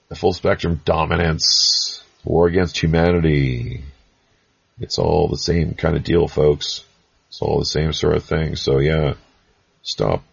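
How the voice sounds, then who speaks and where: A man's voice: extremely low pitch, creaky, a little mellow, husky. A man hosting a podcast, rambling casually through past episodes with folksy pirate banter. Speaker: podcast host. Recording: dull lo-fi sound.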